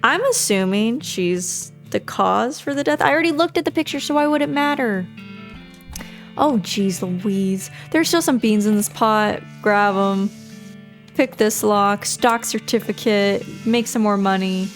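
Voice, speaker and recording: Higher-voiced woman gamer reading aloud. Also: normal speed, hardly any pauses, soft background music. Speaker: video game streamer. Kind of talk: casual playthrough commentary, reading game text aloud.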